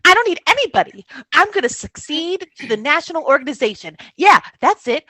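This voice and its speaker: A woman's voice: high-pitched, big pitch swings, brisk, bright, forceful tone, dry recording, full character voice. A woman playing a brash, spiteful, grandiose villainess in a theatrical comedic script reading. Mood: defiant, grandiose. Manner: theatrical, emphatic.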